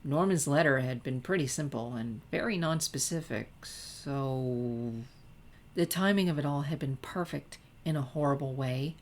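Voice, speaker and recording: With a very deep voice at a moderate pace, a woman gives voice to a teenage girl confessing past scheming during a story reading. The delivery is hesitant and reflective, tinged with rue.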